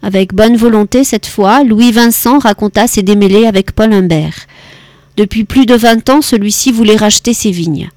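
A woman narrating a detective novel in an even, measured way. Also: medium pitch, dry recording. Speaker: audiobook narrator. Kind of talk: scripted narration.

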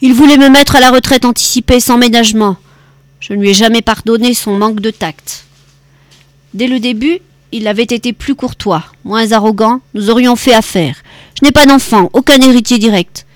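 A woman narrator puts on a cranky old winegrower in his late eighties, gruff yet soft underneath. He lectures and blusters, pushed louder and a touch higher than the narration. The audiobook recording is dry and close. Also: normal speed, no echo, close to an everyday voice. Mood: lecturing. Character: grumpy 88-year-old male winegrower, gruff but kind. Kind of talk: audiobook character voice.

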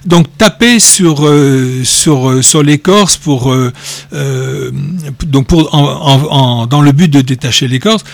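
A man's voice: mid-range voice, takes it slowly, gravelly, dry recording. A man giving an informal talk on word origins, digressive and joking, with many hesitations and repeated words. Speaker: speaker explaining word origins.

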